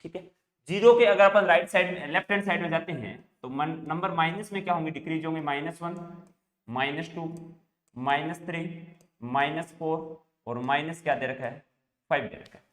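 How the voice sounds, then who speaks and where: In an echoey room, a male math teacher keeps asking questions and answering them himself in a repetitive call-and-response pattern. His voice is on the high side and fairly bright, at a moderate pace.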